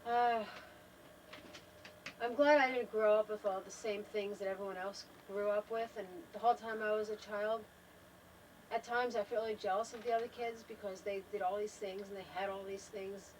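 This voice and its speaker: The speaker is an older woman, the wife in a family home video, musing thoughtfully to the camera from a travel trailer and often trailing off before beginning again. Her medium-pitched voice has fairly even intonation and normal speed, recorded on a distant mic with slight hiss or hum and rough quality.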